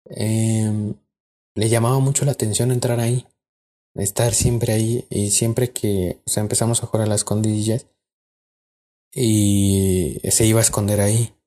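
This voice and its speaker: Mexican guy rambling through a creepy story on a podcast, low warm voice. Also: flat delivery, unhurried. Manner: rambling with many fillers and restarts. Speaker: podcast co-host. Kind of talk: casual storytelling.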